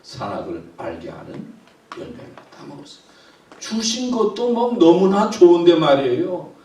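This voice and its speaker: Animated pastor preaching in an echoey church. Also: male voice, on the high side, recorded from a distance, a little hiss or hum. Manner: animated storytelling, acting out God's delighted voice. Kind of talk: sermon. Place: church sanctuary.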